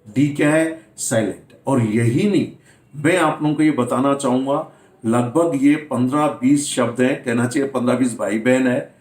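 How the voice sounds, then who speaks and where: A man's voice: medium pitch, moderate pace, darkish tone, roomy sound. A man teaching English pronunciation in a video class, speaking Hindi mixed with English words and spelling words out letter by letter. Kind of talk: classroom-style video lesson.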